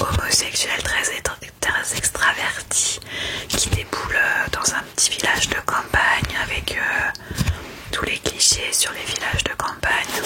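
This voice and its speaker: A woman speaking in a hushed, unvoiced library whisper, chatting about books in an ASMR style. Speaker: ASMR creator reviewing books. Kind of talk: whispered ASMR book chat.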